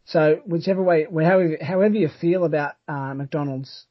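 An Australian man hosting a podcast in casual chat, talking in a halting, rambling but enthusiastic way. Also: fairly high pitch, slightly rough, no room sound. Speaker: podcast host. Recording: dull, lo-fi sound.

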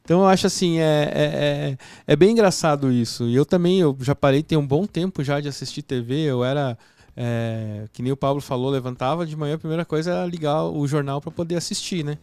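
A man's voice: fairly high pitch, brisk, a little mellow, clean tone, dry recording. A man hosting a podcast, chatting casually and telling an anecdote with lots of fillers. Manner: chatty, many fillers like "saca". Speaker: podcast host.

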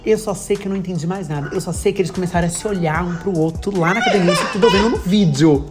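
A young woman co-hosting a podcast, telling building gossip in a casual, animated way with plenty of swearing and pet names for her friends. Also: lowish voice, very fast, over music. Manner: animated, swears freely, calls friends "amiga" and "gata". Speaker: podcast co-host.

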